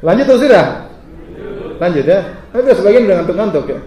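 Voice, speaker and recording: A middle-aged man preaching a sermon to a live audience, lively and humorous, often asking the crowd questions. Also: high-pitched, measured pace. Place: lecture hall with audience. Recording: echoey hall, mic at a distance.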